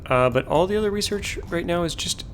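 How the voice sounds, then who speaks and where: Faint music sits behind a man with a high, animated voice who talks a little fast. He's a gameplay host doing relaxed let's-play commentary on a factory-building game, wondering aloud about his production lines and saying his voice is giving out.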